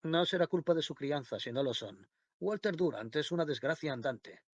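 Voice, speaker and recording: A man's voice: fairly high pitch, expressive, moderate pace, dry recording, lo-fi sound. A man voicing a harsh, insulting invalid mother in an audiobook.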